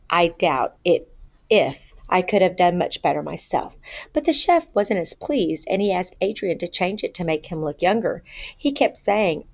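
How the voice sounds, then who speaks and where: A storybook reader with a fairly low voice reads a children's story aloud, expressive and deliberate in her storytelling. The recording sounds boxy and roomy, with dull lo-fi quality.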